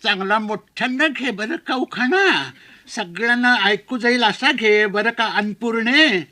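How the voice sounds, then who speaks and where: A man voicing a fussy older aunt who coaxes the bride, speaking in a slow, drawn-out way. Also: high-pitched, expressive, bright, forceful tone, exaggerated voice. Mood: coaxing. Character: fussy old aunt at a wedding.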